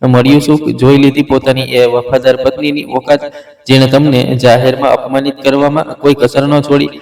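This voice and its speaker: A man's voice: medium pitch, level tone, normal speed, creaky, darkish tone, lightly acted. A man voicing a scheming young mistress in a dramatized story, taunting in a sugary, manipulative way. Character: scheming, sly young mistress with a poisonous sweetness. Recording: roomy, distant mic.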